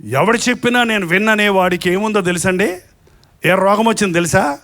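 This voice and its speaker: A middle-aged man preaches a sermon in a strikingly high voice. He moves between plain teaching and acted-out quarrels, changing his voice for each part. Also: fairly quick. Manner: lively preaching that acts out quarrels in different voices. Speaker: pastor.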